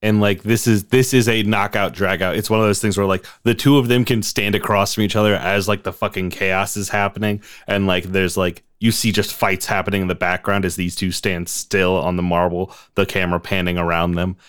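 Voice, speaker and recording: A young man co-hosting a podcast, pitching story ideas in a laid-back, enthusiastic way with casual swearing. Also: flat delivery, brisk, hardly any pauses, a bit bright, clean tone. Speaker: podcast co-host.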